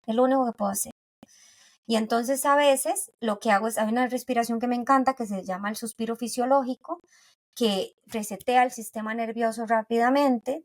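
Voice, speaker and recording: A woman with a Costa Rican accent speaks as a guest on a podcast. Her voice sits a little high, and she explains things with everyday anecdotes, closing many sentences with a questioning tag. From Costa Rica. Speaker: pediatric neuropsychologist guest.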